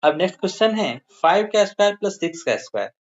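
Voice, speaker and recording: Speaking in a mid-range voice with lively intonation and a rapid-fire pace, a maths teacher leads a step-by-step lesson. He counts through every sum out loud and calls the pupils "dear children." The audio is slightly muffled, with a faint hiss.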